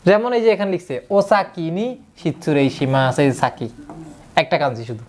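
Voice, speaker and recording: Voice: mid-range voice, normal speed, darkish tone. Patient teacher counting stroke order aloud. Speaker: Japanese teacher. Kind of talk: classroom lesson.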